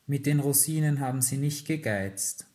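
A man's voice: medium pitch, normal speed, mellow, close to an everyday voice. A man playing a proper, indignant father of an upper-class family in a read-aloud story. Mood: stern. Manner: curt, indignant.

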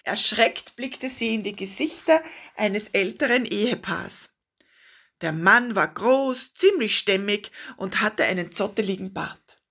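Female storybook narrator, husky, mid-pitched, calm expressive reading. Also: measured pace.

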